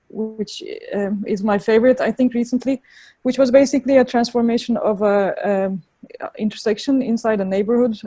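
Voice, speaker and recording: Mellow, halting Turkish-accented woman. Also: medium pitch, dry recording. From Turkey. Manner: thoughtful, halting, searching for words. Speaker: interviewed urban designer. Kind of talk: spoken interview answers.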